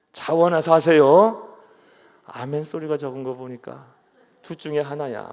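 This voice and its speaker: A male pastor preaching a sermon in a church, moving between soft conversational asides and loud, emphatic exhortations. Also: medium pitch. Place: church sanctuary. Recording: long church hall reverb.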